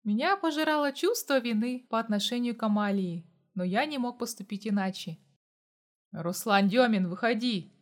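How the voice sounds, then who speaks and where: A woman's voice: a little high, lively intonation, a little fast, few pauses. Woman narrating a survival audiobook. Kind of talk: first-person audiobook narration.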